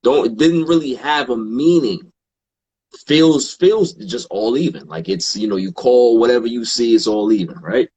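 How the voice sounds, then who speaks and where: A man guesting on a podcast, telling stories in a relaxed, casual way and acting out what others said. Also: medium pitch, normal speed, breathy edge. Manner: relaxed, quotes others in animated asides, frequent fillers. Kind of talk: casual storytelling in conversation.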